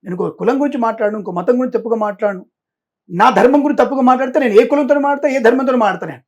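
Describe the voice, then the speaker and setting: A middle-aged man answering interview questions as a Vedic astrologer. His voice sits quite high and he talks at a very fast clip. He is insistent and emphatic, hammering his points home. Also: a little mellow. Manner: emphatic, insistent, repeats "I" for stress, mixes in English.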